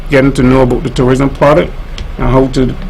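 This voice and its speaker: Male interview guest, gravelly mid pitch, halting unscripted delivery, slight background noise. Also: flat delivery, a little mellow, rough recording. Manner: hesitant, searching for phrases. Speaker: interview guest, tourism official.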